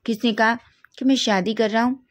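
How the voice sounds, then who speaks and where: A woman's voice: on the high side, fairly even intonation, moderate pace, close to an everyday voice. A woman voicing a spoiled, short-tempered young male superstar who snaps and complains in a storybook reading. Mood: stubborn. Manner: shouting, petulant.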